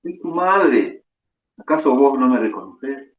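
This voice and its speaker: A man's voice: medium pitch, big pitch swings, measured pace, roomy sound, far from the mic, muffled recording. A man voicing a desperate middle-aged mother fussing over her son at a hospital bed. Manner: pleading, fussing, tender.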